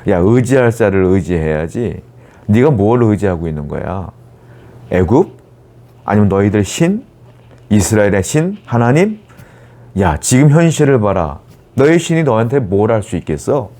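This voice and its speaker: A man's voice: on the low side, animated, brisk, hardly any pauses, warm tone. A pastor acting out an arrogant enemy commander who mocks and taunts his foes. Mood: sneering. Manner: sneering, mocking.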